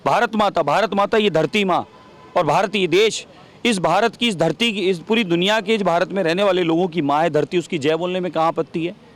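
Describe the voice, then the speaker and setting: A man's voice: high voice, a little fast. A man giving a heated interview as a legislator, combative, repeating rhetorical questions.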